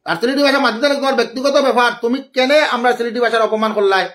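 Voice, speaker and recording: A man's voice: very high voice, rapid-fire, a bit bright. A man from Assam's Barak Valley with a Sylheti Bengali accent, ranting indignantly on a phone live stream and scolding the person he is answering. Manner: indignant, scolding, greets viewers by name. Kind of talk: angry live-stream rant.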